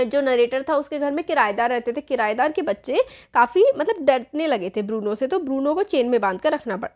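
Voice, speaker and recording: A young woman talks through a school chapter in a relaxed teaching tone. Her voice sits high, and she keeps rephrasing to make each point clear. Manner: explains in Hindi mixed with English terms, rephrases with "matlab". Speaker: teacher, channel host. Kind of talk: casual explanatory lesson.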